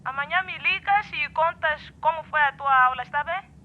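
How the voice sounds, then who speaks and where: In a radio drama, a woman with a high-sitting voice at normal speed plays a middle-aged Mozambican mother tenderly fussing over her grown son by telephone. The recording is a muffled phone call with faint noise.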